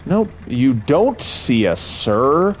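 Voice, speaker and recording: A young gaming streamer chats casually with his stream chat while playing, rambling and amused at himself as he comments on the gameplay. His mid-range voice is very animated yet very slow, and the recording is slightly dull with faint game noise.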